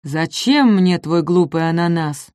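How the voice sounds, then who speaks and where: Woman putting on a giant male dinosaur, storybook, apathetic, sighing, slow, low-pitched. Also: animated, a little mellow, no room sound, studio quality. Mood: gloomy. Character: huge gloomy apathetic male apatosaurus.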